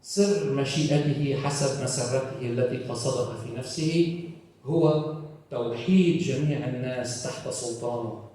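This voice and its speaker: A man reading scripture slowly and solemnly at a church service. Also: medium pitch, mellow. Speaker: church speaker. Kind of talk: scripture reading and closing words. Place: church sanctuary. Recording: echoey church hall from far off.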